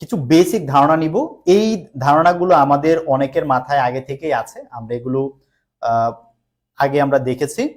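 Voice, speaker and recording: A man from Bangladesh teaches an online English grammar class for exam preparation, his voice fairly high-pitched and moderately paced. He explains patiently, repeats key points, and puts questions to his students.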